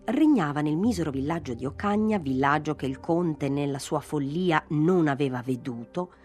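A woman narrating a literary novel aloud in a measured, expressive reading. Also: lowish voice. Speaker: audiobook narrator.

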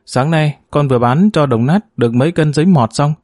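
A man voicing a lively, cheerful young village woman with a clear, ringing girlish tone and an eager, affectionate way of talking. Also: a little high, a little fast, dry recording, studio quality, close to an everyday voice.

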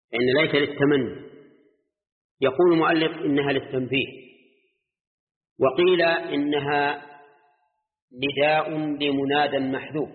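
An older man gives a Quran exegesis lesson in a classroom. He explains step by step, checks on his students and chants the verses. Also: medium pitch. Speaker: Quran teacher. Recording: tinny lo-fi recording in an echoey hall.

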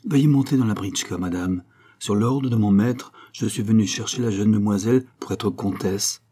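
A man's voice: fairly low pitch, moderate pace, dark tone, slightly rough. A man voicing a sour, imperious old male servant who speaks in curt, commanding orders. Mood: gruff.

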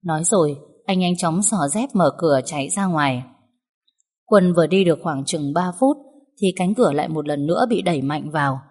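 A woman narrating a family drama story in a steady, dramatic storytelling manner. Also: deep voice, a little fast, husky. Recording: long hall reverb.

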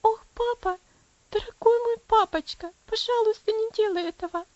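Woman doing a high teary little girl begging her dad, dull dry recording. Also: normal speed, a little mellow, no room sound. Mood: pleading. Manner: high, pleading, tearful. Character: pleading tearful little girl Elsie.

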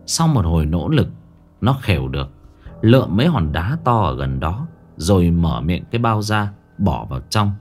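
Brief: male horror-story narrator, low and dramatic, wide lively pitch, faint music bed. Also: moderate pace.

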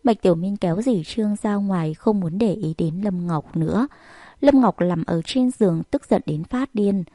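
A woman narrating an audiobook story in a steady, even reading. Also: mid-range voice, moderate pace, dry recording, studio quality.

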